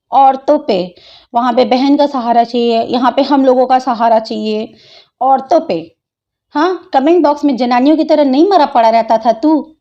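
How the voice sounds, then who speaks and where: A woman's voice: sits high, dark tone, highs cut off. A woman, taunting and scolding a critic in a home vlog reply.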